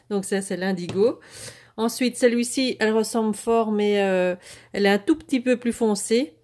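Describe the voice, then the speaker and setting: Mellow-voiced woman chatting through a haul. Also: mid-range voice, normal speed. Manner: hesitant, many fillers and restarts; enthusiastic about the products. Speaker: craft vlogger showing a product haul. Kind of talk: casual product haul chat.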